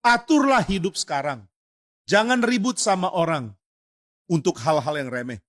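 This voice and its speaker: A man's voice: a little high, a bit bright. A man preaching a sermon to a congregation, telling stories and stressing key words. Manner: storytelling with acted voices and rising emphasis; addresses congregation as brothers and sisters. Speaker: pastor.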